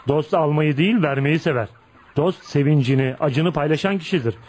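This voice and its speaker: This male actor speaks at a moderate pace in a natural, slightly high voice with a darkish tone. Performing in a Turkish radio play, he portrays a frightening, ugly but warm-hearted tough who is blunt and probing. His folksy delivery, sprinkled with "ha?", sounds earnest and friendly.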